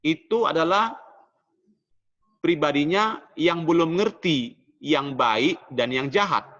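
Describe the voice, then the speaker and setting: A middle-aged man delivers a sermon in a bright, animated preaching voice. His pitch rises for emphasis and falls low on the asides. The church recording sounds dull and lo-fi. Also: slow. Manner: animated preaching, often drops low on "Saudara". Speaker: pastor.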